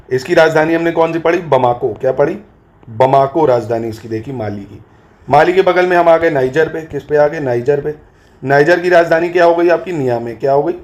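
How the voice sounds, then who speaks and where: A man's voice: mid-range voice, a little mellow. Man drilling answers in a lesson. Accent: Hindi, Uttar Pradesh. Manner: repeats answers in a call-and-response drill; spells words letter by letter. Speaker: teacher. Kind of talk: exam-prep geography lesson.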